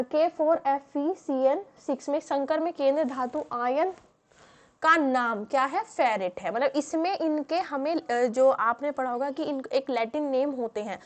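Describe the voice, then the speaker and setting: A female chemistry teacher with a high voice gives a patient classroom lecture in a Hindi-English mix. She works through the material step by step, scattering fillers and rhetorical questions and checking in often with "ठीक है."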